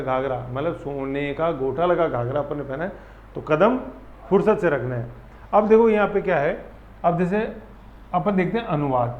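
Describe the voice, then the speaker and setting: A man teaching an exam-prep class, lively and full of memory tricks, often checking that students follow. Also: fairly high pitch. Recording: roomy, dull lo-fi classroom sound.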